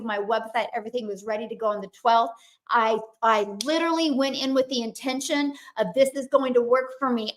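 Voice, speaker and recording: High-pitched emphatic motivational woman. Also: a bit bright. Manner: emphatic, repeats lines for effect, acts out her own past thoughts. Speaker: motivational speaker. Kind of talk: motivational talk.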